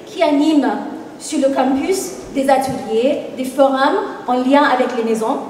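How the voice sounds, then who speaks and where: A woman from Kenya with a Kenyan accent, moderating and giving a formal, measured closing summary at a forum. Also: high-pitched, a little mellow, a little hiss or hum. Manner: measured, formal, occasional self-corrections. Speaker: program manager and moderator. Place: large conference hall. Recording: very echoey hall, distant mic.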